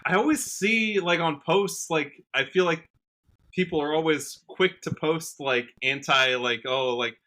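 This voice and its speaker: A man from Washington state with an American accent speaks in a bright, forward, fairly high voice. He's a country singer appearing as a podcast guest in a casual interview, earnestly circling his point. His delivery is halting; he often trails off, stops, and rewords things.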